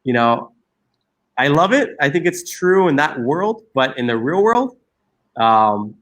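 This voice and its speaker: His fairly high, fairly bright voice swings widely in pitch and moves a little slowly. The speaker, an Egyptian social entrepreneur in his forties, is an earnest interview guest in a reflective conversation, frequently restarting and using fillers.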